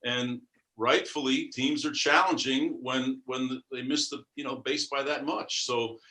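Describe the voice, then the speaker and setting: A man, a baseball umpire on a panel, answering a question in a thoughtful, measured way. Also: medium pitch, steady tone, sharp tone, low-quality recording.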